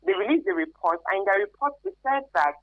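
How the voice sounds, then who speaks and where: A woman with a Nigerian accent talks fast and very animatedly at a medium pitch, appearing as a guest expert on human trafficking in a radio interview. She explains things emphatically and conversationally, adding local Pidgin tags, over thin, phone-like, band-limited radio sound.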